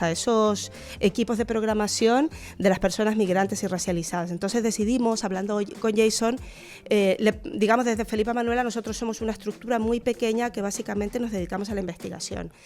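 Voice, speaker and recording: A woman's voice: medium pitch, fairly even intonation, fairly quick, darkish tone. A woman from Chile with a Chilean accent, a guest researcher on a radio interview, speaking thoughtfully with fillers and restarts.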